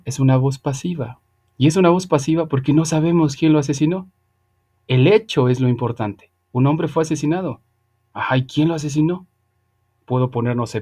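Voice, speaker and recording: A man teaching English over a video call, his voice mellow and relaxed. He explains patiently and keeps checking in with his students with a quick "ok?". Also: medium pitch. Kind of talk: online class lecture.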